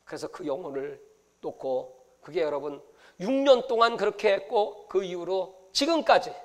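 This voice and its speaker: A middle-aged man preaching a sermon as a pastor, telling stories and swinging from hushed asides to loud exclamations. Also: high-pitched, lively intonation, moderate pace.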